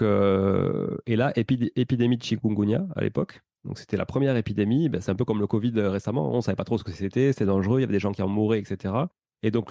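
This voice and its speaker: A man in his thirties with a Toulouse accent, telling his life story as a podcast guest in a relaxed, rambling way with many fillers. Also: on the low side, vocal fry, no room sound, studio quality. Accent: Toulouse French. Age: 30s. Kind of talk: casual conversational storytelling.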